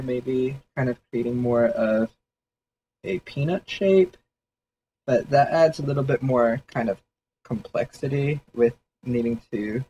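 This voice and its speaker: A man's voice: medium pitch, darkish tone, slight background noise, rough recording. Man thinking aloud while sketching. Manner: rambling, hedging with "kind of" and "um". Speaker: 3D artist streaming a sketch session. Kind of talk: casual livestream thinking aloud.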